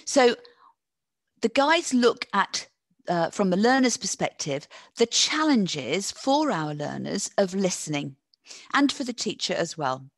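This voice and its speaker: Lively woman leading a teacher webinar. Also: medium pitch, no room sound. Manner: encouraging, reads chat answers aloud and praises them; lively teacherly delivery with drawn-out stressed words. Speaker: teacher trainer presenting a webinar. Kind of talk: live online teacher-training webinar.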